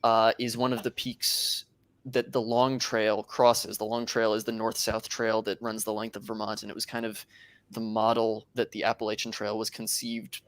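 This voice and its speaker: A man's voice: lowish voice, monotone, moderate pace. A young man chatting as a guest on a video call, hesitant with many ums and uhs. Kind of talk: casual chat.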